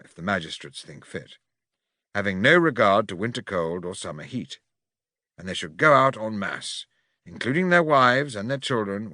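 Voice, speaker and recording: A man reading a philosophical audiobook in a formal, measured, oratorical manner. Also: on the low side, sharp tone, dry recording, clean studio sound. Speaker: audiobook reader.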